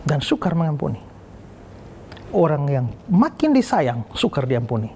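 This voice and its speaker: Male pastor, slightly high voice, lively storytelling sermon, faint noise behind. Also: unhurried. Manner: animated storyteller, acts out dialogue voices.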